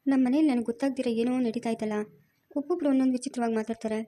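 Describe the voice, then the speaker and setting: A woman's voice: on the high side, steady tone, rapid-fire, mellow, close to an everyday voice. A woman playing a worried grandmother who soothes her crying grandson and refuses to send him away, in a homemade family drama. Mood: puzzled. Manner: soothing, pleading, protective.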